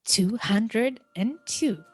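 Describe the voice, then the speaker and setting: A woman's voice: a little high, animated, drawn-out words, a little mellow, slightly rough, dry recording. A woman hosting a business podcast interview, upbeat and speaking straight to her listeners. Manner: upbeat, addresses listeners directly. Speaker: podcast host.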